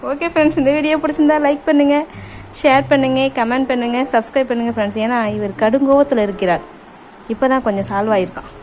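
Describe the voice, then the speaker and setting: A woman's voice: high voice, fast talker, a little mellow, slight background noise. A woman vlogging about her cats, chatting to viewers and coaxing her pets in a teasing, baby-talk way. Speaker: cat-owner vlogger. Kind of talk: casual chat to camera and pets. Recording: music playing under the voice. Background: background music.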